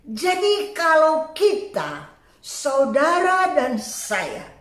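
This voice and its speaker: A woman delivers an earnest sermon in a high voice. She speaks slowly and emphatically, with dramatic pauses between phrases. The recording carries a roomy echo. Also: big pitch swings, a bit bright. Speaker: preacher.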